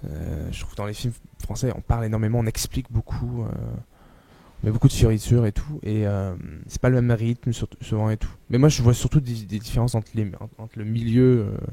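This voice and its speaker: A man, an actor talking in a relaxed, slangy interview manner. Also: on the low side, brisk, no echo.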